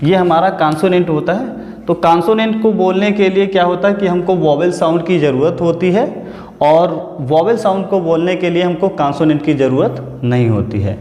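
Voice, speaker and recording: A man teaching grammar in a classroom lesson, slow and deliberate, repeating key words and asking rhetorical questions. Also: high-pitched, warm tone. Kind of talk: classroom lesson, explaining step by step. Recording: echoey classroom with long reverb.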